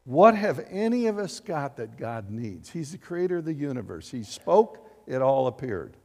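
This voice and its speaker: A man preaching a sermon as pastor, animated and acting out quotes as he speaks. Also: medium pitch, normal speed, big-room sound. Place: church sanctuary.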